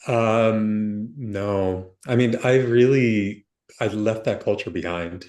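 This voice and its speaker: Articulate low-voiced male guest. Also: slow pace, a little mellow. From Ukraine. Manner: articulate, reflective storytelling. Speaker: guest, software founder. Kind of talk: interview answers.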